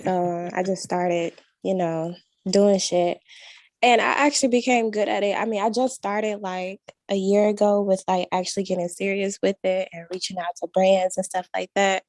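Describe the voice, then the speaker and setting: A woman's voice: mid-range voice, fairly even intonation, moderate pace, darkish tone, no room sound. A woman from Chicago, a guest content creator on a podcast, talking bluntly and casually and swearing freely. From Chicago, USA. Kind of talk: casual group interview.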